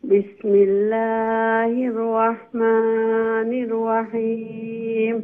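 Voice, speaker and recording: A caller reciting the Quran slowly over a call, in an even chant. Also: medium pitch. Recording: tinny phone line.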